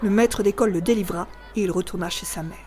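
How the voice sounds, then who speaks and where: A woman narrating a classic tale in a measured, expressive storytelling voice. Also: mid-range voice, some chatter behind. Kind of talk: audiobook reading of a classic tale.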